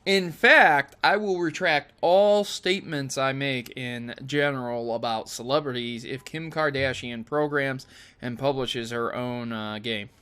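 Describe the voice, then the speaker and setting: Smooth-voiced young man, deadpan teasing. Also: mid-range voice, measured pace. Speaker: podcast co-host. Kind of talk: casual chat.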